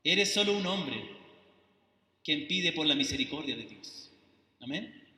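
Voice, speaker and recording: Earnest preacher man, high bright voice. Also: animated, unhurried. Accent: Chilean Spanish. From Chile. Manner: earnest, pleading, asks "do I make myself understood?"; emotional, rises to forceful rebuke. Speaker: missionary preacher. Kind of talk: sermon. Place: church sanctuary. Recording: echoey hall, voice from far off.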